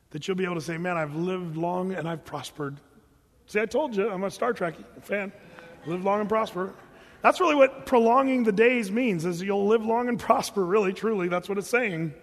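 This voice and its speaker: A man giving a sermon as pastor, talking in a loose, animated way with restarts and asides. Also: sits high, big-room sound.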